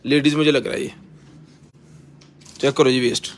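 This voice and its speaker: A man with a Pakistani accent giving a casual live sales pitch as a seller, pushing items hard and repeating himself like a hard-sell ad. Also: fairly even intonation, moderate pace, slight background noise. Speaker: live-stream seller of container goods.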